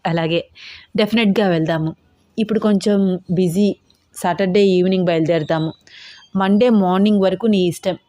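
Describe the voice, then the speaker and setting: Woman voicing a brisk teasing young boss. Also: on the low side, fairly even intonation, warm tone, no room sound, natural voice. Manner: curt, teasing replies.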